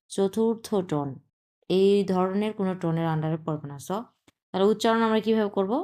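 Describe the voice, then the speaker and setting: A woman with a Bangladeshi Bengali accent gives an online language lesson in a slightly low voice. She explains step by step with patience and repeats each sound so learners can practise along. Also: a little mellow. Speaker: language teacher.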